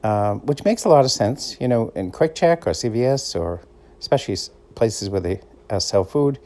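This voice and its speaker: A warm, medium-pitched male voice with lively intonation and a moderate pace belongs to a middle-aged Boston-area man. Hosting his casual solo podcast in a thick Boston accent, he drifts along as a conversational, easygoing storyteller.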